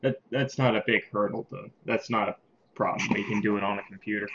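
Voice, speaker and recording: A man's voice: lowish voice, fairly even intonation, gravelly. Man leading a casual online meeting. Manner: informal, halting, tallies votes aloud. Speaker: meeting leader. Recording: muffled call audio with faint noise.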